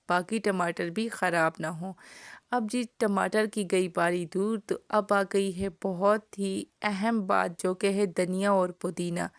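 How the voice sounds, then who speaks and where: A cooking channel host with a sore throat records a voice-over for a home kitchen tutorial, walking her viewers through each step in a friendly, direct way. Her medium-pitched voice is smooth, and the studio sound is clean with no echo.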